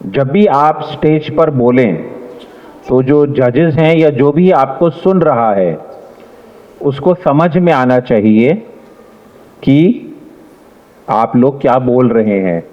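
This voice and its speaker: A man's voice: mid-range voice, slow, long pauses. A man giving playful, teasing feedback to students as a competition judge, acting out his points. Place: school hall. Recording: muffled reverberant hall.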